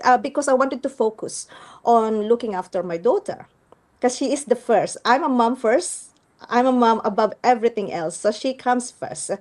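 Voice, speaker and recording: A woman's voice: on the high side, a little mellow. A woman in her thirties, a guest on a live video-call show, telling her story earnestly with many fillers.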